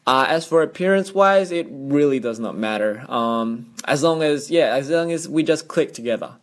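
A man's voice: fairly high pitch, lively intonation, moderate pace. Upbeat young Australian man hosting radio. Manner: chatty and upbeat, with playful vocal sound effects. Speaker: radio host.

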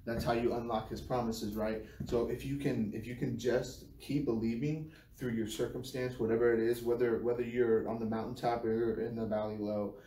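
An American man with a mellow, medium-pitched voice and a level tone speaks informally, like a church devotional on a livestream, halting and repeating phrases as he goes. He's in a small, bare-walled room indoors, recorded by a phone camera a few feet away, so the sound is roomy and a bit distant with faint noise.

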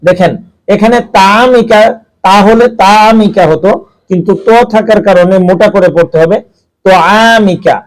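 A man with a fairly high voice gives a reading lesson, explaining pronunciation rules step by step. He stretches out each example word slowly to demonstrate it and fills his pauses with "ah". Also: a little mellow, low-quality recording. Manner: slow, drawn-out demonstration of pronunciations with frequent "ah" fillers. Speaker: Quran reading teacher.

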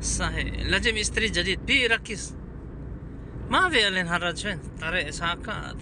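A man's voice: high voice, expressive, brisk. A man in a moving car casually reading out shop signs in short bursts. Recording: loud road noise in a car.

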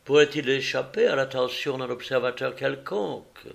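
A man voicing a calm, sharp-eyed detective who speaks in a patient, precise, polite way in an audiobook. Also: mid-range voice, moderate pace, vocal fry, voice pushed up. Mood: composed.

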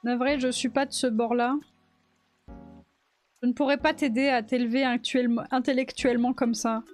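A woman's voice: fairly high pitch, steady tone, moderate pace, a little mellow, faint music behind. A woman live streamer chatting casually with her chat while she models in 3D, laughing often.

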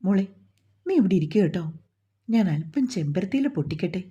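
A fretful, loving mother, voiced by a woman storyteller soothes and pleads in a mellow, breathy voice. The recording sounds dull and lo-fi. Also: medium pitch, sing-song, brisk. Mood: soothing, worried. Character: anxious, loving middle-aged mother comforting her daughter.

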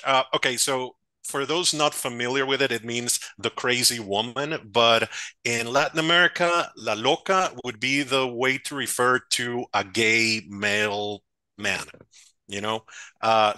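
This is a Costa Rican man, a guest writer, telling stories on a video call. He is amused by his own tales, and his voice is bright and forceful. The sound is dry and close, picked up by a headset. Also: medium pitch, clean tone, no echo. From Costa Rica. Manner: warm storytelling, self-amused, gestures while talking. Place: home room, video call.

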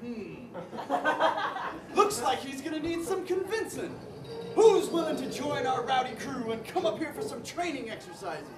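A woman playing a bossy, playful pirate captain on stage, booming and teasing the audience in a live show. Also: big pitch swings, measured pace, music in the background. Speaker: stage actor. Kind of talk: live interactive theatre. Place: indoor theatre, live audience. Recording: echoey hall from far off with audience.

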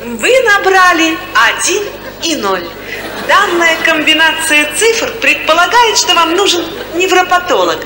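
A woman playing a high, sing-song clinic phone robot. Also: sing-song, a crowd in the background, exaggerated voice. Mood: recited. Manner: measured, evenly recited menu prompts. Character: female automated clinic phone menu, endlessly patient. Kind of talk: stage comedy sketch. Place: stage before a live audience. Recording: echoey stage hall, audience noise.

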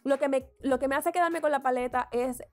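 Woman beauty vlogger, fairly high voice, candid step-by-step chat. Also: brisk, a little mellow. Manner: candid, chatty, explains each step. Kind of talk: get-ready-with-me makeup tutorial chat.

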